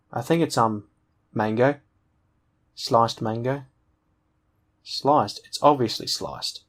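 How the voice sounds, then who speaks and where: A man playing through a visual novel, reading its text and dialogue aloud in a plain voice and breaking off for joking asides. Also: medium pitch.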